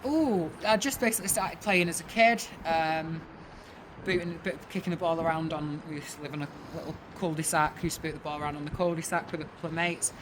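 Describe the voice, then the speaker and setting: Outdoors in the wind, with the noise clearly audible, a female football team manager and coach chats emphatically in an informal post-match interview. She speaks in a low-pitched voice at a brisk pace.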